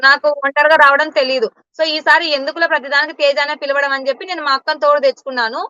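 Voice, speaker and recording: A woman's voice: sits high, little pitch movement, quick pace, bright, forceful tone, no echo, lo-fi sound. A woman giving blunt, indignant answers in an interview. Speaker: interview guest.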